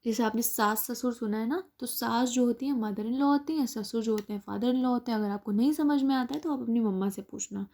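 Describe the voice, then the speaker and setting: Patient woman teacher, mellow voice. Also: fairly high pitch. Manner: reads English text slowly, then explains it patiently. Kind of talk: explaining an English lesson in Hindi.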